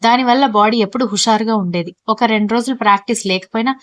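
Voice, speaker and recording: A man's voice: sits high, fast talker, fairly bright tone, dry recording, studio quality. A woman voicing a playful young husband. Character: playful young husband, strict sports coach.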